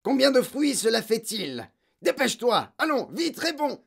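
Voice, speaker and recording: A narrator voicing a huge, brutal, bullying headmistress in an audiobook, barking and shouting insults. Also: mid-range voice, sing-song, moderate pace, vocal fry, breathy edge, voice pushed up, full character voice. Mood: furious. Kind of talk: audiobook character voice.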